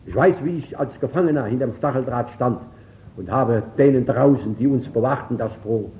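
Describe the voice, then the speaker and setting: A man preaching a sermon emphatically, swinging between loud calls and quiet asides. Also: medium pitch, moderate pace, lo-fi sound, slight background noise.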